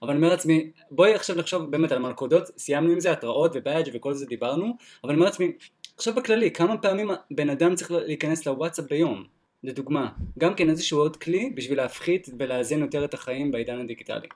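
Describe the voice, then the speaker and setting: A man's voice: fairly high pitch, a little mellow. A man hosting a podcast interview who talks in an enthusiastic, agreeable way. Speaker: podcast host.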